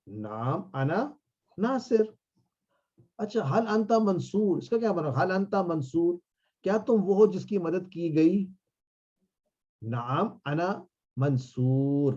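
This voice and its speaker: Guy teaching a class, drills stuff slow, kinda high voice, muffled lo-fi sound. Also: a little mellow. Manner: drills phrases slowly, quizzes students. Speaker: Arabic teacher.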